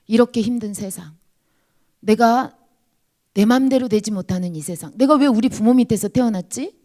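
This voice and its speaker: A woman gives an earnest church testimony in a high voice that rises and falls widely. She tells her story in a confessional way, addresses the congregation directly and sometimes sinks into a near-whisper. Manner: earnest confessional storytelling, dropping to a hushed whisper at low points. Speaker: pastor's wife giving testimony.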